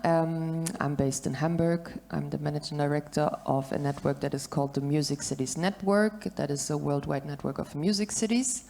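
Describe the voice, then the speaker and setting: A woman introducing herself as a network's managing director on a panel, in a measured, businesslike way. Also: deep voice, darkish tone.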